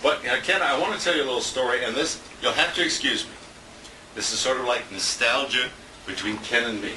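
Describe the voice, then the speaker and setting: At an indoor restaurant dinner, a radio colleague gives an informal tribute speech, full of rambling anecdotes he chuckles through. His voice is medium in pitch and a little fast. A handheld compact camera at a distance records it, so the sound is roomy and noisy.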